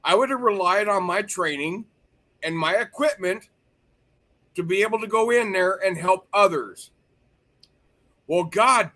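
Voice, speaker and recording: A man's voice: sits high, sharp tone. Profane, ranting male stream host. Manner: profane, rambling, heated when ranting. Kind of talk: casual livestream chat.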